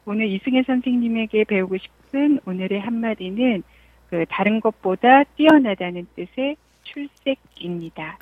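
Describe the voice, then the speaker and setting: A woman's voice: medium pitch, normal speed, no room sound. A woman phones in to a radio program as its correspondent abroad. She sounds friendly and informative. The line is thin and phone-like, with no room sound around her voice. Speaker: Hong Kong correspondent. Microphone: telephone. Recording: tinny, dry phone line.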